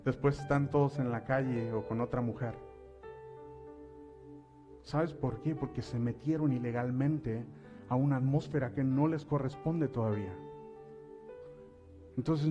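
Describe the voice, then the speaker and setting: A man preaching a sermon as pastor, asking his listeners direct questions and building up to loud, emphatic passages. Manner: rises to loud, high-pitched preaching at climaxes.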